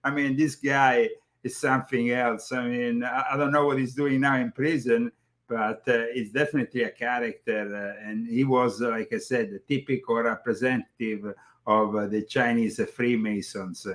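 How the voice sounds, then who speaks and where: A man hosting a talk show, commenting casually in a halting way, with many fillers and quick laughs. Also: mid-range voice, fairly even intonation, fairly bright tone. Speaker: show host.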